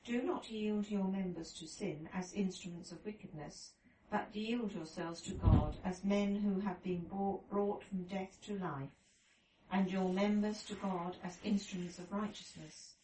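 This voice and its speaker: A woman in a study group reading a scripture passage aloud in a steady, careful way. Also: medium pitch, unhurried. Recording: roomy, distant from mic, faint room noise.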